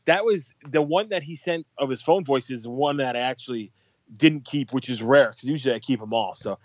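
A man's voice: mid-range voice, brisk, no echo. A man co-hosting a podcast over a phone call, laid-back in casual chat, swearing and laughing easily. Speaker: podcast co-host.

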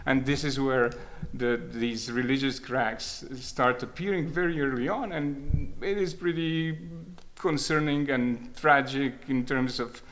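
In an unhurried, mid-range voice with a fairly bright tone, a Croatian man in his 30s shares his personal experience. It is reflective testimony, marked by frequent hesitation and repeated words as he works through his thoughts.

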